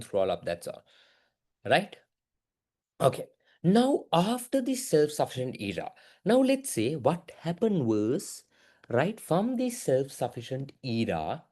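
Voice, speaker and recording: A young man teaching an online business class, asking lots of quick questions. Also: medium pitch. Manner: lively, keeps asking "right?", mixes in Sinhala words. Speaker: business studies tutor.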